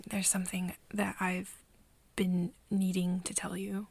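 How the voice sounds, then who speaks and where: In an ASMR roleplay, a woman plays a nervous, caring young woman confiding in her vampire friend, speaking softly and hesitantly with pauses and sighs and often slipping into breathy whispers. Her fairly low voice stays flat in pitch and sounds exaggerated, with an anxious, confessional mood. The intimate scripted acting is recorded on a close microphone in a dry room with no echo.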